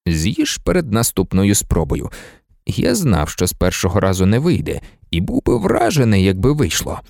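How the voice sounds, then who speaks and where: A man doing a gentle weary teacher. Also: huge pitch swings, gravelly, no room sound, studio quality, exaggerated voice. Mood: reassuring. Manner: soft, low, measured. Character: kind, weary adult male teacher, calm and gentle.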